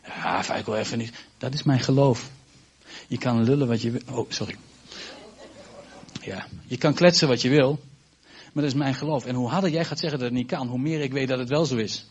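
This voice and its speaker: A man's voice: medium pitch, a little fast, slightly rough, highs cut off. A man preaching a sermon to his congregation, emphatic and repetitive, with stumbles and asides to the listeners. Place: church congregation.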